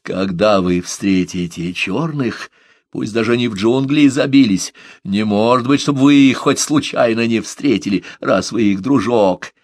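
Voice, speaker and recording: A man's voice: fairly low pitch, moderate pace, a little mellow, dry recording. A man voicing a fretful, rambling old man with a quavering, plaintive voice in an audiobook. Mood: wheedling.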